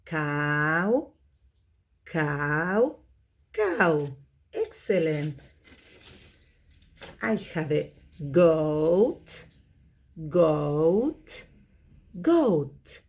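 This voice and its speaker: Singsong woman teaching small children, very unhurried. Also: low-pitched, lively intonation. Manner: singsong, repeating words slowly for young children. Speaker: children's English teacher, host. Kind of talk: children's singalong lesson.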